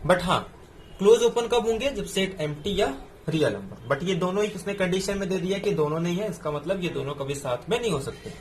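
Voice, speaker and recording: A man's voice: sits high, lively intonation, fairly quick, slight background noise. A man, tutoring math step by step through exam solutions. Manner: explains step by step, mixing in English terms.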